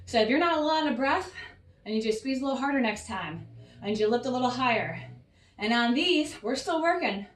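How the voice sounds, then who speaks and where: A woman coaches a workout in a lively, somewhat high voice, talking briskly and sounding a little out of breath as she encourages and cues each breath and rep. The mic is distant, so the sound is roomy and her voice is off-mic.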